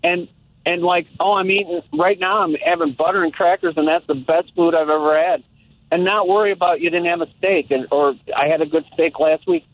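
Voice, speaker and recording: A caller in his sixties chats casually and reflectively on a talk show phone-in, restarting often. His voice sits high with vocal fry, lively intonation and a brisk pace, coming through a tinny phone line with no echo.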